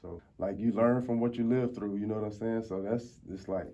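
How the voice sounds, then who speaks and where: A man's voice: fairly low pitch, steady tone, fairly quick, mellow, lo-fi sound. A man, talking casually in street slang as an interview guest. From Tampa, Florida, United States. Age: 40s. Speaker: interview guest, food reviewer. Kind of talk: casual conversational storytelling.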